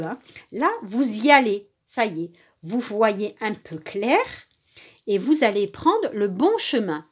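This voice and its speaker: A woman gives a casual card reading straight to her viewers, her voice soft and a little breathy. Her pitch swings up and down as she talks. She keeps dropping in small fillers and now and then trips over a word. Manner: chatty, lots of "hein" and "euh", stumbles over words. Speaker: tarot and oracle card reader.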